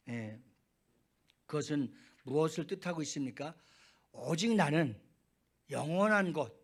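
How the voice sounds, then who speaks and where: A middle-aged man delivers a sermon from a church stage microphone. His voice sits slightly high, and he moves from low, confiding asides to loud, ringing bursts of conviction. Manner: impassioned preaching with sudden loud high peaks. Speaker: pastor. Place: church sanctuary.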